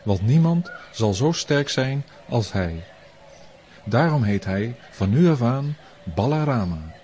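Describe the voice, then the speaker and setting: In a storybook reading, a man voices a solemn, wise old grey-haired priest, speaking earnestly in hushed tones. His mid-range voice moves slowly and has big pitch swings.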